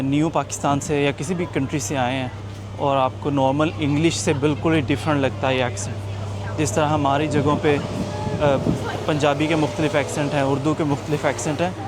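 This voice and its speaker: A young Pakistani travel vlogger with a slightly high voice chats and jokes with viewers while walking through a busy tourist waterfront outdoors. It's casual walking vlog narration, with street noise and traffic in the background.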